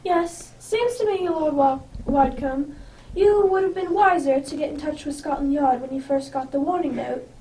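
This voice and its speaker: A woman's voice: high voice, normal speed, dark tone, lightly acted. A woman playing a blunt, eager male police inspector in an amateur radio drama. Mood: reproachful. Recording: echoey room, distant microphone, background noise.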